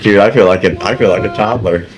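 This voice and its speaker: Low-voiced, rambling male podcast co-host. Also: quick pace, poor audio. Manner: rambling, laughs often, trails off mid-sentence. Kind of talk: casual podcast chat.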